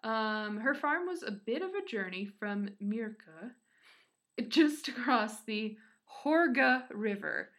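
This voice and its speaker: A woman's voice: on the high side, animated, slow, a bit bright. A woman with a Michigan accent co-hosting a podcast, telling a story casually with giggly, informal asides. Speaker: podcast co-host.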